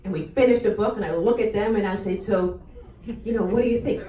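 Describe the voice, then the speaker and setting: An adoptive mother at a book launch, telling a story in an animated way and laughing as she talks. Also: medium pitch, fairly quick, highs cut off. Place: book launch event room. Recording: roomy sound, mic far off.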